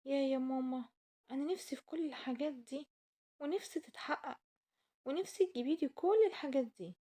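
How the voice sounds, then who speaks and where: Woman as an eager, high-pitched little Egyptian girl. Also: fast talker, close to an everyday voice. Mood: pleading, wishful. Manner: pleading, excitable. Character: eager, wishful little girl wanting everything. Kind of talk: children's storybook voice acting.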